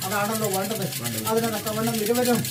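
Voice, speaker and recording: A woman's voice: a little high, flat delivery, fairly quick. A woman with a north Kerala accent speaking as a possessed ritual oracle, proclaiming solemnly in a chanted declamation. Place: at a live temple ritual, distant mic. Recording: distant, noisy field recording of a ritual.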